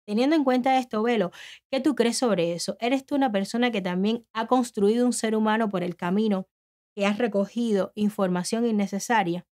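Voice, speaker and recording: A woman's voice: a little high, a little fast, darkish tone. A woman hosting an interview podcast, speaking reflectively in long, winding sentences. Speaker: podcast host.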